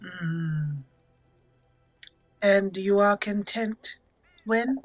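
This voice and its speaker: Speaking very slowly in a mid-range voice, a woman plays a game for her channel, chatting and thinking aloud in a casual let's play. Game music plays in the background.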